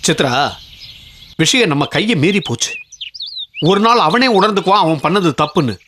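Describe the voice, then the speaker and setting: A middle-aged actor playing a calm father who reassures and comforts his daughter, in a TV serial scene. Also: high voice, moderate pace, slight background noise. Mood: consoling. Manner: consoling, reassuring. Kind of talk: TV serial acting. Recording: distant voice over loud music score.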